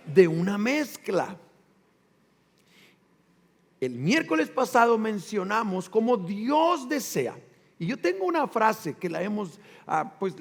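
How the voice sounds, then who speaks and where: Mexican pastor guy preaching, high voice, lots of fry, big reverby hall. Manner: animated preaching with call-and-response and acted quotes. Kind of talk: sermon.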